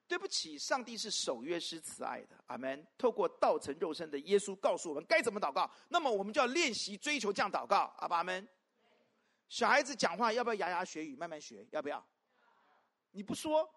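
A pastor preaching a sermon to a congregation, peppering it with rhetorical questions and swinging between loud emphatic calls and soft asides. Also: medium pitch. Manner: animated, constant rhetorical questions to the listeners.

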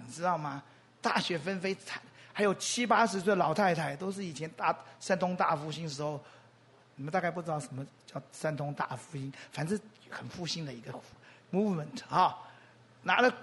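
A man preaching a storytelling sermon, animated and repetitive, often asking the congregation questions. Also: a little high, slightly rough.

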